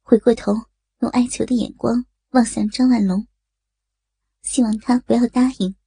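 A woman narrating a story in a steady, even storytelling voice. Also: a little high, moderate pace, gravelly, slightly rough, no echo, rough recording. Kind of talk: audio erotic story narration.

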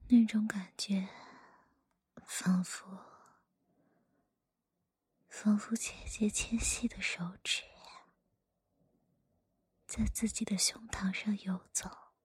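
Woman acting a teasing older sister, breathy whispered role-play right in your ear. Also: medium pitch, steady tone, no echo. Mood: slow, sultry. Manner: slow, intimate whispering right in the listener's ear. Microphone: close microphone, dry.

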